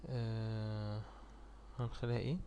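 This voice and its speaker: A man with an Egyptian Arabic accent teaching a screen-recorded software tutorial. He reads each step aloud in English, then thinks it through aloud in Arabic. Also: fairly low pitch, little pitch movement, a little slow, a little hiss or hum. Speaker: software instructor.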